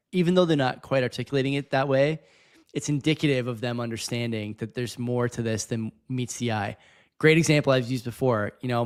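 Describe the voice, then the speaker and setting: A man's voice: medium pitch, clean tone. Easygoing male co-host, mid-range voice, reflective, chuckles a lot. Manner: relaxed, laughing often, reflective. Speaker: podcast co-host. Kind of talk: casual podcast banter.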